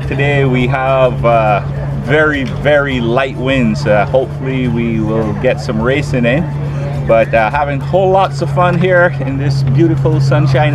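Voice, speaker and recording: A man's voice: medium pitch, heavy background noise. A man, a club sailor, chatting cheerfully outdoors. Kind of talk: casual interview. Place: sunny outdoor park.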